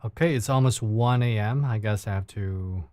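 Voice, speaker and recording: Late at night at home, a young livestream host from China chats casually, his Mandarin background showing in a Chinese accent as he repeats words searching for English phrasing. He has a fairly low, slightly mellow voice at a moderate pace, and the audio is studio quality with no room sound.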